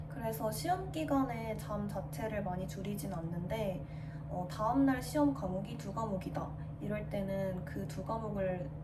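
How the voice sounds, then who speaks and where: A woman's voice: medium pitch, very noisy. Woman in her twenties, roomy distant sound. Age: 20s. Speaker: pharmacy student vlogger. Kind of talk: casual Q&A monologue. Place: her new studio apartment room.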